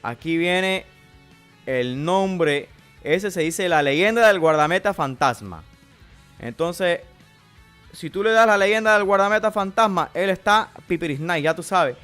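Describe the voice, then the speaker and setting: A man's voice: high voice, expressive, unhurried, a bit bright, smooth, soft background music. A man streamer putting on a playful Cuban Spanish accent as a slangy, crude Miami guy talking through game cards. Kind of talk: casual game commentary.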